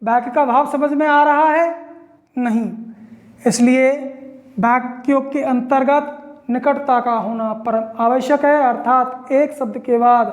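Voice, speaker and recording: A woman's voice: sits high, fairly even intonation, a little slow. A woman teacher giving an online grammar lesson, explaining step by step and answering her own questions. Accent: Hindi.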